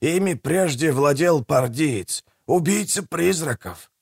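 A man voicing a toothless old male street trader who is wheedling and theatrical, with a husky voice and fawning, conspiratorial patter. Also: a little high, expressive, slow, darkish tone, dry recording, clean studio sound, voice pushed up, exaggerated voice. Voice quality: gravelly, husky. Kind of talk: audiobook character voice.

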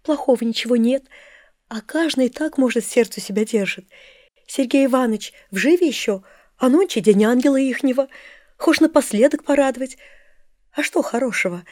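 A woman's voice: high-pitched, moderate pace, a little mellow, dry recording, studio quality, natural voice. A woman reading an audiobook, voicing a pious, fiery old male carpenter who scolds in urgent outbursts. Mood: reasoning.

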